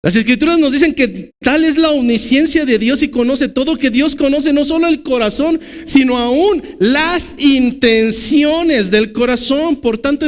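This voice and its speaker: A man with a Mexican Spanish accent preaching a sermon as pastor of a church, swinging between loud emphatic bursts and low, slow stresses.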